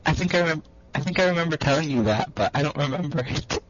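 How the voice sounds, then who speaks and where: A man's voice: on the high side, lively intonation, fast talker. Dry-humored guy on a muffled call. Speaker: podcast co-host. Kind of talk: casual chat. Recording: muffled lo-fi call with faint hum.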